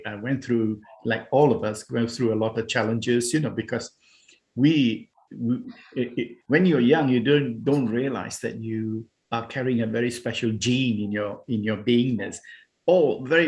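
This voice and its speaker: A Singaporean man, a spiritual healer and meditation teacher, joins a video call as a guest for a casual interview. His mid-range voice moves at a moderate pace as he recounts his path hesitantly, restarting phrases and leaning on "you know," over a low-quality recording.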